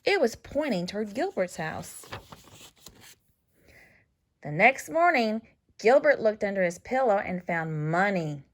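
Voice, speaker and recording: This is a woman storybook reader narrating a scripted children's story. Her voice sits in the mid range, and she reads with expressive, deliberate phrasing suited to young listeners.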